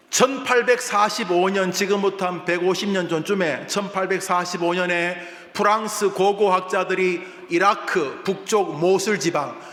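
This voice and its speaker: A male pastor preaching a sermon in a church, moving between calm Scripture reading and loud, animated outbursts. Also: high-pitched. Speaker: senior pastor. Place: large church sanctuary. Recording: echoey hall reverb.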